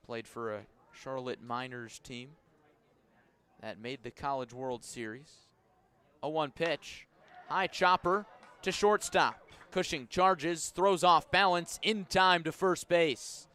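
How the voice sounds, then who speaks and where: This is a man announcing a baseball game on live radio: steady and measured in the lulls between pitches, animated and excited when calling the action.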